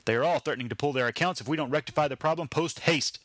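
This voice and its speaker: A man voicing a gruff, bullying male factory boss who barks contemptuous orders. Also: fairly high pitch, racing, a bit bright, dry recording. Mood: stern. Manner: barking, contemptuous.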